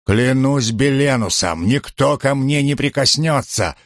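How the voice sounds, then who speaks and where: A man voicing a boastful, brawny drunken gladiator who booms and blusters in an audiobook. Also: sing-song, moderate pace, dry recording, studio quality, close to an everyday voice. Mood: defiant. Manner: booming and blustering.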